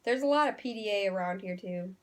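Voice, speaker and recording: A young woman vlogging late at night, congested and exhausted, agreeable and quick to say yeah. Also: medium pitch, lively intonation. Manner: agreeable, lots of "yeah" backchannel. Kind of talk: casual late-night travel vlog chat. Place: hotel room at night.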